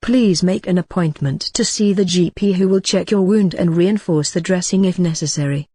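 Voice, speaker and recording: A woman playing a reassuring ward nurse in a scripted role-play, speaking gently, calmly and rather formally. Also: lowish voice, normal speed, husky, no room sound, clean studio sound. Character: reassuring female ward nurse counselling a patient. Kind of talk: scripted role-play dialogue for exam practice.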